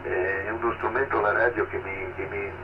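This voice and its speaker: A low-voiced man with an Italian accent speaks through a ham radio receiver. He spells out call signs slowly and signs off each turn with "over". The sound is thin and tinny, like a telephone line, and arrives from far away under thick static. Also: little pitch movement. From Italy. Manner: slow, deliberate call-sign spelling, ends turns with "over". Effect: heard over a ham radio receiver. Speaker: amateur radio operator. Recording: thin phone-like noisy radio transmission.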